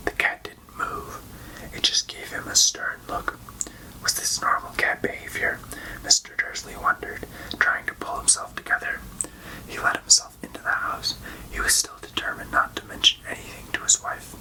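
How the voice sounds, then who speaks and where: Casting: reader for whispered role-play, fully unvoiced library whisper, hushed and unhurried storybook narration. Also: rough recording.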